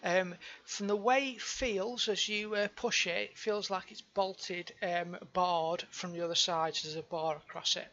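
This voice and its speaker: A woman's voice: lowish voice, steady tone, a little slow, few pauses, a bit bright, highs cut off. A woman running a tabletop game as game master, narrating and explaining in a hesitant, improvised way.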